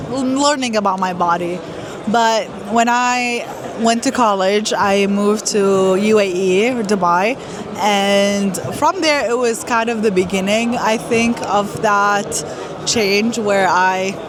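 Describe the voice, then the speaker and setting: A young woman from Iraq giving candid, casual interview answers, halting often with fillers. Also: medium pitch, background noise. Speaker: guest performer. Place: busy trade fair hall. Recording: loud crowd chatter behind.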